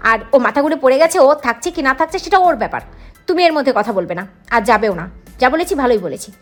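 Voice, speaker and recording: A woman's voice: high voice, very animated, very fast, soft background music. Stubborn young husband, firm and defiant; a woman reads him in her own voice. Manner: firm, defiant, teasing at times.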